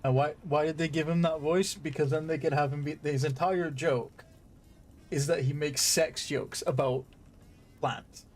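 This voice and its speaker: A man's voice: fairly high pitch, fairly even intonation, a little slow, a little mellow, soft background music. A man giving casual gameplay commentary, chatty, laughing often and swearing freely. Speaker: gaming streamer.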